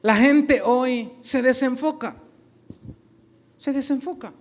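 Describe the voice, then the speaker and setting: High-voiced man preaching a sermon. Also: slow. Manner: preaching to a congregation, asking the crowd questions. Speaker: pastor.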